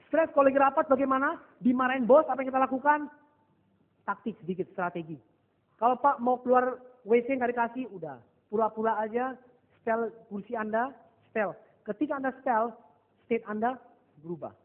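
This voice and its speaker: A man giving a motivational seminar to a live audience, telling stories with animated acted-out dialogue and dropping English phrases. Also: very high voice, a little fast. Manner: lively storytelling, mixing English phrases, acting out dialogue. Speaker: motivational NLP trainer. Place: seminar hall. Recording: echoey hall over a thin, phone-like line.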